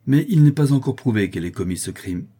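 A man's voice: medium pitch, expressive, fast talker, dark tone, breathy edge, pitched above the performer's own voice. Man voicing a grave police commissioner. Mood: solemn.

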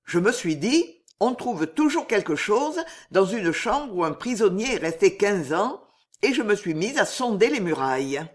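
A man's voice: sits high, very animated, measured pace, heavily acted. A man voicing a humble prison concierge in a storybook reading, deferential and astonished. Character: humble old male prison concierge, awed and eager.

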